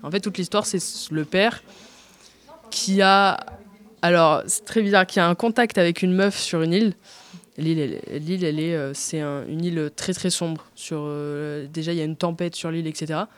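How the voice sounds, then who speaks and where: A woman's voice: fairly low pitch, fairly even intonation, normal speed, no room sound. A woman chatting casually as an interview guest, hesitant, with many fillers and restarts. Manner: tacks on "and so on" often. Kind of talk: casual chat.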